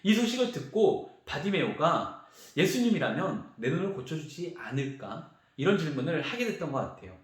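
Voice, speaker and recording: Lively high-pitched man preaching, heavy echo. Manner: animated storytelling, acts out the crowd's and the beggar's cries. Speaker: youth pastor. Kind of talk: sermon to teenagers. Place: large church sanctuary. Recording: very echoey church hall.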